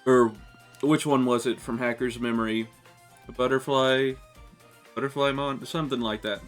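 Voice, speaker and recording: A man's voice: mid-range voice, fairly even intonation, normal speed. A man hosting a let's play, giving casual, conversational commentary on a video game. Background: faint music.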